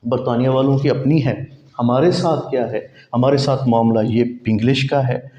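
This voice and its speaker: A man's voice: mid-range voice, fairly even intonation, normal speed, warm tone, roomy sound, dull audio. A man with a Pakistani Urdu accent teaching an English lesson, asking his own questions and then answering them, and spelling letters out one by one. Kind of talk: spoken language lesson.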